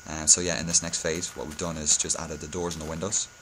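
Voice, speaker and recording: A man's voice: rumbling low, flat delivery, quick pace, noisy background. A hungover man giving a casual game-building tutorial, speaking hesitantly and often correcting himself. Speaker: video tutorial host.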